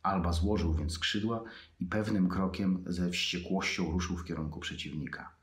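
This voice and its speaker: A man, an author, reading his own fantasy prose aloud in a measured, unhurried way with pauses. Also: low-pitched, fairly even intonation. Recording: echoey room.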